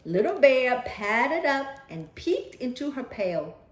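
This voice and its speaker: A woman reading and talking to children as a storyteller, with deliberate, emphatic phrasing. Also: high voice, big pitch swings. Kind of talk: children's read-aloud storytelling. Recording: echoey, roomy sound.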